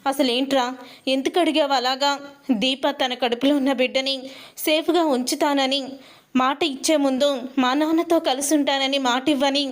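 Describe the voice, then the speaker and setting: A woman's voice: high voice, fairly even intonation, normal speed, close to an everyday voice. A woman voicing a worried middle-aged father who keeps pressing his son with urgent, pleading questions, as a storyteller retelling a TV serial. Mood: puzzled.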